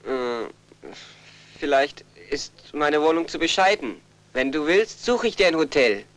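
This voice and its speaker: A meek, fussing older brother. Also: male voice, a little high, expressive, a little slow, a bit bright. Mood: gentle. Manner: fussing, laughs often, pleading. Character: kind, meek older brother, hiding an injury. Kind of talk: German film dub.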